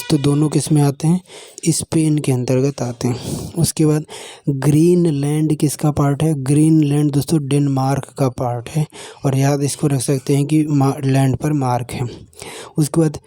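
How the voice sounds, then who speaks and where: Male tutor, dark mellow voice, fairly high pitch, flat and steady delivery, dry close sound, quizzes himself aloud. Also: no echo. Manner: mixes English phrases into Hindi, repeats key points; asks and answers his own quiz questions. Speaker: exam coaching teacher. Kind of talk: explanatory lecture.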